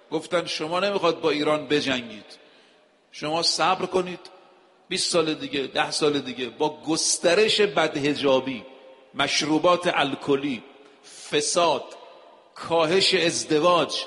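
A man's voice: fairly high pitch, fairly bright tone. A man preaching a sermon, emphatic, asking rhetorical questions and quoting scripture. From Iran. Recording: long hall reverb.

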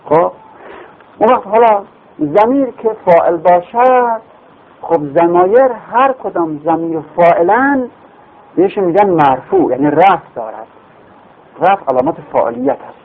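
A man with a high-pitched, animated voice gives a classroom grammar lecture, patiently explaining, repeating terminology, and answering his own questions. The phone-like lo-fi recording has a little hiss or hum.

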